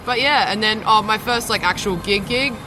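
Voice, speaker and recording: Young bassist, high-pitched, laid-back filler talk, music behind. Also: male voice, normal speed, rough recording. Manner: relaxed, filler-heavy. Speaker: bass player in a band. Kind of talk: casual interview chat.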